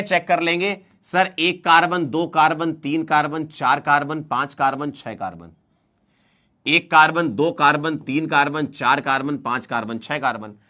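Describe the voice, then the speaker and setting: Male chemistry teacher, fairly high voice, playful and coaxing, lively class delivery. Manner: lively, playful, coaxing students through questions. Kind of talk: online class lecture.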